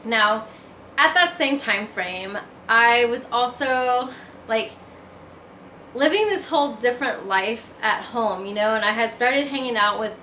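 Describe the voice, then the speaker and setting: Sharing her testimony as a casual story, a woman with a fairly high, bright voice sounds animated and forceful yet unhurried. She acts out remembered remarks conversationally, and the room echoes with faint background noise.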